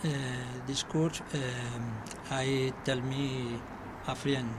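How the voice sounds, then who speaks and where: A man's voice: mid-range voice, flat delivery, very slow. A man with a Spanish accent speaking hesitant, broken beginner's English in a practice dialogue. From Basque Country, northern Spain. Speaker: English course student. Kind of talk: practice dialogue in a language class. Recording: clear background noise, ambience.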